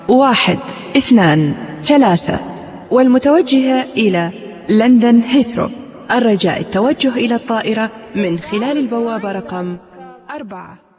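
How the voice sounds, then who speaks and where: Woman as airport announcer, formal boarding call, super fast, big reverby hall sound. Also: fairly high pitch, a little mellow. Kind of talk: public address announcement.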